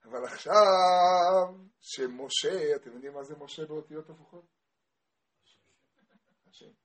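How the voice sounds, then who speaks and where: Male Torah teacher with a high voice, storytelling lesson, animated, questions his listeners, builds to loud passion. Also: a little hiss or hum. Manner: animated, asks the audience questions, grows loud and impassioned.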